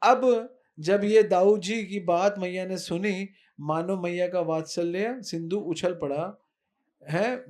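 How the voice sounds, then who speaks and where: Slow, high-voiced devotional storyteller man. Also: a little mellow. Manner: explains verses slowly, chanting lines. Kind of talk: devotional story sermon with sung verses.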